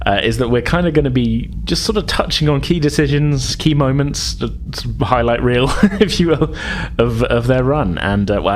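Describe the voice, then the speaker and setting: A man with a somewhat low voice narrates casually as a game master, hesitant and informal as he explains things, feeling his way through sentences with chuckling asides. Background music plays, with slight background noise.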